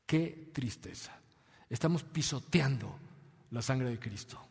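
A man with a Mexican accent preaching a sermon, asking rhetorical questions and sometimes dropping to a soft, low voice. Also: expressive, slow pace, vocal fry, husky. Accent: Mexican Spanish. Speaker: pastor. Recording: long hall reverb.

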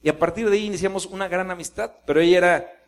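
A man's voice: sits high, very fast. A middle-aged man with a Mexican accent, a pastor giving a personal testimony in a sermon and acting out the quoted dialogue as he tells it. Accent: Mexican Spanish.

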